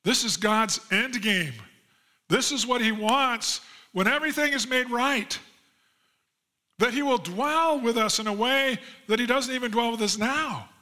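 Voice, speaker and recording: A male pastor delivering a sermon in a high, bright voice. He reads scripture aloud, then unpacks it with earnest conviction. His tone climbs when he stresses the lines he wants his listeners to remember. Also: measured pace. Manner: earnest, rising emphasis on key promises. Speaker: lead pastor.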